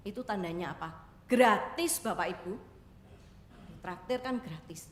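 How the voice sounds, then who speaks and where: A woman's voice: fairly low pitch, a little slow. A woman evangelist telling a story in a sermon, often turning to address the congregation. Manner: addresses congregation often, voices characters in quotes. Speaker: evangelist preacher. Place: church hall. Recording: echoey church hall with faint noise.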